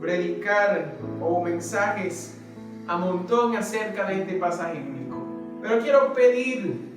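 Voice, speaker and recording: A man with a fairly high voice preaches with earnest, measured emphasis. He sounds far from the mic in a very echoey room. Gentle guitar music plays behind him. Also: expressive. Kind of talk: sermon with Bible reading. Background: soft guitar music.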